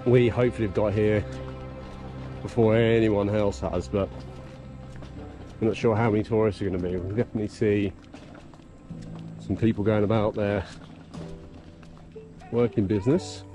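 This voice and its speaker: A man's voice: lowish voice, steady tone, moderate pace, long pauses, warm tone, soft background music. A man in his thirties chatting casually outdoors in a canyon, playful and talking to his small child. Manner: playful, talks to his toddler. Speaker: family travel vlogger. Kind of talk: casual on-camera chat.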